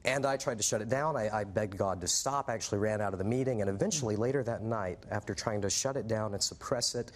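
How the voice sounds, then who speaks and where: Earnest, low-voiced male preacher. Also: slight background noise. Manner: earnest, fluent storytelling with frequent "uh" fillers. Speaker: guest preacher. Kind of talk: personal testimony in an interview.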